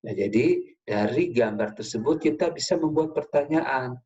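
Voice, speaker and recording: A man's voice: mid-range voice, moderate pace, mellow, highs cut off. A male teacher giving a patient lesson to young pupils, often checking in with short fillers. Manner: patient, repeats "ya" and "nah" often. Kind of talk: classroom lesson for children.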